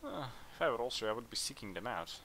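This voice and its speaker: A man hosting a let's play, chatting casually and thinking aloud as he plays, with bursts of excitement in tense moments. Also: mid-range voice, fast talker, slight background noise. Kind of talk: casual game commentary.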